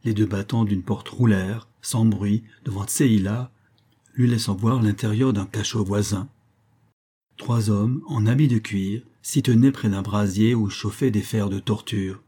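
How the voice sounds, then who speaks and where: Male audiobook narrator, husky timbre, measured somber storytelling. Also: fairly low pitch, fairly even intonation, dark tone. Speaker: audiobook reader. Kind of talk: scripted narration.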